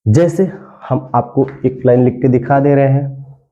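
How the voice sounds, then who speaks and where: A man teaching a grammar lesson, explaining slowly with many repeated phrases and drawing out verse lines as he chants them. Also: mid-range voice, warm tone, muffled recording.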